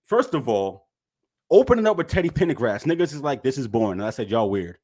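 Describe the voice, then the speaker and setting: A man co-hosting a casual podcast, talking emphatically, repeating his points and swearing, and getting loud and animated when excited. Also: mid-range voice, quick pace. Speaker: podcast co-host. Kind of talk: casual chat.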